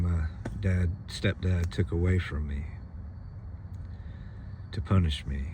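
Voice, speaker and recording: A man giving an earnest spiritual monologue to his followers, pausing often and clearing his throat between phrases. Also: sits low, background noise. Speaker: spiritual channeler.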